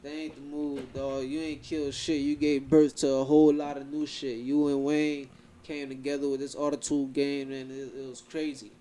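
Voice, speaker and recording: A young man co-hosting a podcast, chatting casually in animated slang and talking over his co-host. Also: mid-range voice, normal speed. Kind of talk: casual chat.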